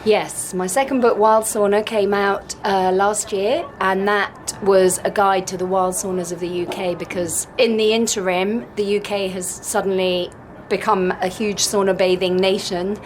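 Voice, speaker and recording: A woman's voice: mid-range voice, steady tone, measured pace, slight background noise. A woman from England, a guest author, chatting enthusiastically in an interview inside a sauna. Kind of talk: casual interview chat. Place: inside a sauna at an outdoor festival.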